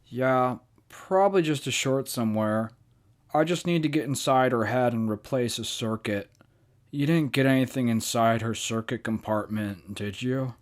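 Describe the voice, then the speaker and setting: A man voicing a casual, laid-back young man, over quiet music. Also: mid-range voice, normal speed, close to an everyday voice. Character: grown son and slacker young repairman, casual.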